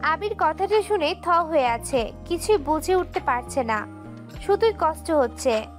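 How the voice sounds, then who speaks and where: A woman with a high voice narrates a romantic audio story, reading in an emotive and steady way. Faint background music plays under her narration. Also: measured pace.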